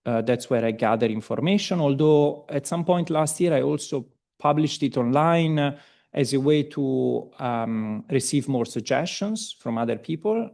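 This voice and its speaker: An Italian man presenting at an academic seminar speaks with a gravelly, creaky, mid-pitched voice at a moderate pace. He comes across as hesitant, with many ums and restarts, and makes relaxed, self-deprecating asides.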